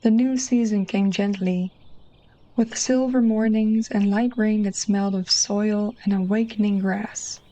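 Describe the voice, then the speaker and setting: Mellow Dutch-accented woman narrating a story. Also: mid-range voice, steady tone, a little slow, dry recording, rough recording. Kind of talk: scripted literary short story narration.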